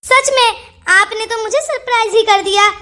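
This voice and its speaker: A performer voicing a warm, sensible young daughter-in-law who speaks sweetly and persuasively. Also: extremely high pitch, normal speed. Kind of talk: cartoon voice acting.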